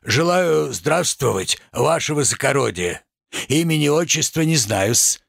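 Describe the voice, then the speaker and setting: A man's voice: fairly high pitch, expressive, unhurried, vocal fry, a bit bright, no room sound, studio quality, exaggerated voice. A man playing a sly stubborn merchant. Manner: deferential yet sly, homespun speech. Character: shrewd, stubborn middle-aged merchant, man.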